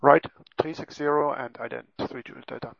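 A man's voice: medium pitch, fairly even intonation, fairly quick, creaky, no echo. A man talking as a pilot over a cockpit headset radio, making clipped, procedural calls. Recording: muffled lo-fi radio audio.

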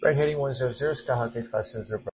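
Quick guy pilot on headset radio rattling off readbacks from the cockpit. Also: mid-range voice, darkish tone, lo-fi sound. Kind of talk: clipped aviation radio readbacks.

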